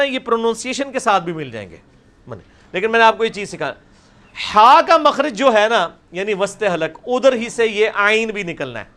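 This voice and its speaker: A middle-aged man with a Punjabi accent teaching a pronunciation class, drilling sounds aloud and calling on students. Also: sits high. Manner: demonstrates sounds by repeating them slowly and loudly, drills students by name. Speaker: religious teacher. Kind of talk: classroom lesson on Quranic pronunciation.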